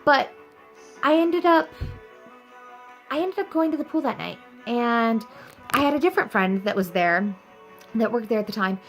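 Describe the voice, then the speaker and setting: A young woman giving an earnest, animated, chatty motivational talk to camera, laughing now and then. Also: fairly high pitch, normal speed, pauses often, faint music behind. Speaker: vlogger.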